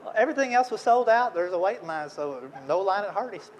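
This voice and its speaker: A middle-aged Southern-accented man from Tennessee tells an audience at an industry event a funny, self-deprecating story. He talks fast in a high voice with lively intonation, over a faint crowd, and the recording quality is low.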